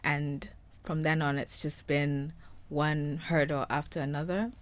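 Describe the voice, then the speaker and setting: A young woman from Uganda joins a podcast as a student guest. Her voice sits a little low, and she makes brief, wry remarks. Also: little pitch movement, measured pace. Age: young adult. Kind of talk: casual podcast chat.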